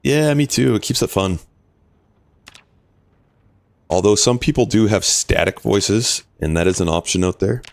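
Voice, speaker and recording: A man's voice: lowish voice, moderate pace, vocal fry, no room sound. A man casually commentating his game on a live stream, explaining rules and answering chat.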